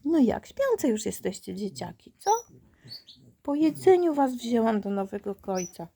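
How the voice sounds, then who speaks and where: A woman's voice: fairly high pitch, big pitch swings, measured pace, warm tone, husky. A woman, a dog breeder, chatting casually to her puppies in affectionate baby-talk, often dropping to a whisper. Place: indoors at a puppy pen.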